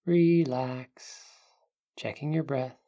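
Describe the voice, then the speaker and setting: In the manner of a sleep story narrator, a meditation guide offers soft, hushed direction with long pauses and a creaky voice. The pitch sits in the middle and the intonation stays fairly even, while the high frequencies are cut off.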